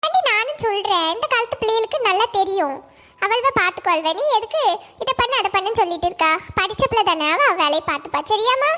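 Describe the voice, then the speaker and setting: A bright, very high cartoon voice of a fretful village mother, as a voice actor puts her on. She chats, like neighbourly gossip. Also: animated, fast talker, full character voice. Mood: comforting. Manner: chatty, homely gossip. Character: worried village mother arranging her son's marriage.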